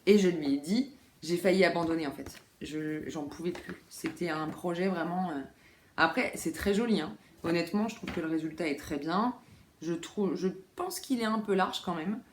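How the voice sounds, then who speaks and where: A woman's voice: lowish voice, moderate pace, reverberant, slight background noise. A woman hosting a knitting podcast, talking casually with many fillers and asides, in a room at home by a window. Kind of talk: casual chat.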